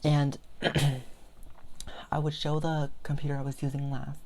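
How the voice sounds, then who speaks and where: A woman's voice: low voice, monotone, measured pace, dark tone. A young woman vlogger talking casually and rambling, chatty and self-deprecating. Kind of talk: casual rambling product vlog.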